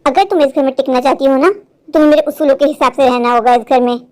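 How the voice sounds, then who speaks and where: A woman voicing a worried, sharp-tongued old mother-in-law in a cartoon, fretful and scolding. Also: high-pitched, fairly even intonation, quick pace, lightly acted. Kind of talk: animated Hindi cartoon voice acting.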